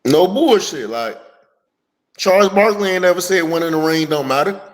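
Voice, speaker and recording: A man's voice: high voice, lively intonation, moderate pace. A man chatting casually about sports as a co-commentator, using slang and some swearing. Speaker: co-commentator on a sports talk show.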